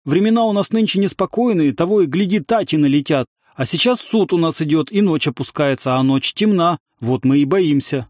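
A man voicing a big, loud peasant village woman who talks in a folksy way. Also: a little high, animated, fairly quick, hardly any pauses, no room sound, clean studio sound, pitched above the performer's own voice, close to an everyday voice. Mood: booming.

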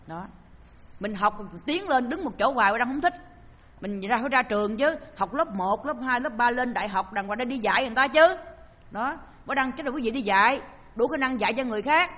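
Woman, Buddhist teacher, lively storytelling sermon, fairly high voice, long hall reverb. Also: brisk. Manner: lively storyteller who acts out voices and sounds.

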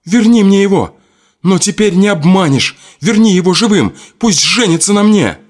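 A man voicing a desperate young village woman who cries out in shrill pleading. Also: lively intonation, moderate pace.

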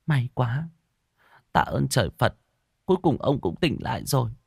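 Guy doing a worried old wife, soft and teary, higher voice, horror audio story. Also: sing-song, moderate pace, gravelly, breathy edge, dry recording, studio quality, exaggerated voice. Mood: relieved. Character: anxious elderly wife, soft and tearful.

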